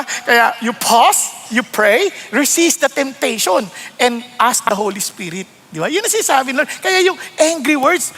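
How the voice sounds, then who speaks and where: Lively Filipino pastor preaching playfully. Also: male voice, very high voice, vocal fry. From Philippines. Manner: playful, laughs often, acts out quarrels in swooping voices. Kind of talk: animated Taglish sermon.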